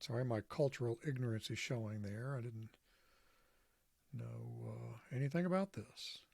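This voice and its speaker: Gravelly man explaining a screen demo. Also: mid-range voice, moderate pace, darkish tone, no echo, clean studio sound. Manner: casual, self-deprecating, thinks aloud with fillers. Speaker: podcast host demonstrating software. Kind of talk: screen-recorded tutorial walkthrough.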